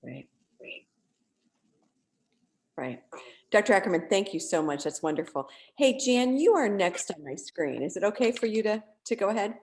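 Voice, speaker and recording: A woman's voice: medium pitch, big pitch swings, normal speed, pauses often, a little mellow. Upbeat woman moderating an online meeting. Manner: upbeat, appreciative. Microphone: video call.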